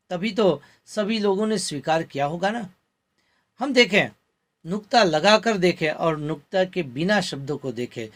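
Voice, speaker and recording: A middle-aged man teaching a Hindi grammar lesson from slides, carefully repeating each example word to show its pronunciation. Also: sits high. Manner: slow, deliberate, repeats example words for pronunciation.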